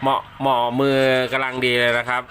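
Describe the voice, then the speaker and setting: A man giving a casual hands-on unboxing demonstration, speaking haltingly and repeating words as he handles items. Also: medium pitch, completely flat delivery, sharp tone, a little hiss or hum. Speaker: unboxing presenter.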